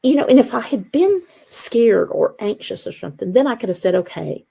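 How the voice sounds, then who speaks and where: A woman guest on an interview show, telling her story in a casual, animated way and acting out the dialogue. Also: fairly high pitch, a little fast, vocal fry, breathy edge. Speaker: guest, Bigfoot investigator.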